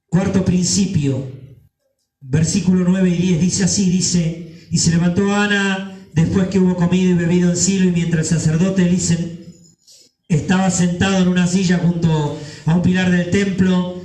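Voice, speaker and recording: Pastor, high tenor, fervent sermon delivery, echoey church sound. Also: male voice, fairly even intonation, moderate pace. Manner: fervent, rising to shouts, rhetorical questions.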